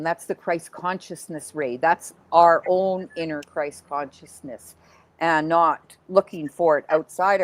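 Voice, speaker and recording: Deep-voiced woman, rambling and halting. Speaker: roundtable panelist. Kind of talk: loose spiritual musing in conversation.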